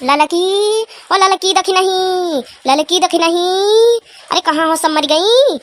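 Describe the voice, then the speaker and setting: A woman's voice: fairly high pitch, fairly even intonation, fairly quick, a bit bright, natural voice. A woman voicing a grumpy old village woman in a comedy cartoon, scolding and nagging.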